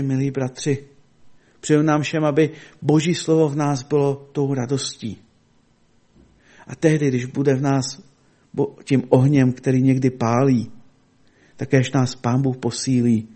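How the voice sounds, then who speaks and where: A man preaching a sermon, measured and emphatic, in short broken phrases that often sink low and quiet at their ends.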